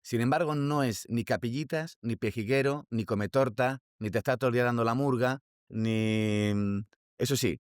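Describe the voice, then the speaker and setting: A man's voice: medium pitch, moderate pace, clean tone, no room sound, studio quality. A man speaking reflectively in a documentary interview, searching for words with emphatic asides.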